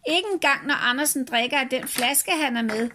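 High, bright woman reading a storybook aloud to kids, expressive, chats between passages. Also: a little hiss or hum. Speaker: family vlogger.

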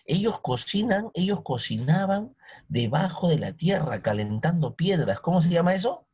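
A man's voice: on the high side, very animated, moderate pace, a little mellow, slightly rough. A man teaching history, who keeps asking his listeners questions and coaxing answers. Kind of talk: recorded history lesson.

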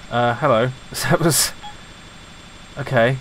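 A man's voice: mid-range voice, steady tone, noisy background. A middle-aged man hosting a retro computing video, muttering casually and mocking himself as he explores old files. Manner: muttering, self-deprecating, quick to laugh. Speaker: retro computing channel host.

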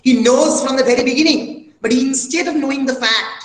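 Man, high voice, literature lecture, many "uh" fillers, roomy echo. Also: extremely slow. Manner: recites quotations with feeling. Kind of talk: online lecture mixing Bengali and English.

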